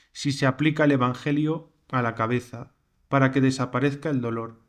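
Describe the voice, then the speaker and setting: Male reader, mid-range voice, measured declamatory sermon reading. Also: medium pitch. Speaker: reader of a recorded sermon text.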